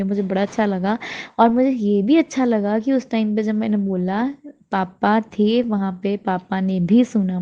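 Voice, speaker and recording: A woman's voice: medium pitch, warm tone, highs cut off. A young woman in her twenties sharing a heartfelt devotional testimony at home, earnest and grateful, repeating her thanks. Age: 20s. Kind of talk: devotional testimony, casual chat. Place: at home before a shrine.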